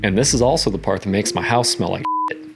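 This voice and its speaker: A man's voice: lowish voice, fast, creaky, over music. A man casually narrating his cooking at home, rambling in a laid-back, profane way. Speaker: host of a cooking vlog. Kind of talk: casual chat while cooking, narrating each step. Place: home kitchen.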